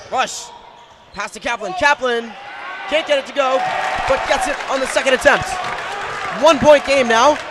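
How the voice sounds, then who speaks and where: A man calling live basketball play-by-play in a crowded school gym, with rapid, clipped calls shouted over the crowd. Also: very high-pitched. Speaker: play-by-play announcer. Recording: loud gym crowd and noise.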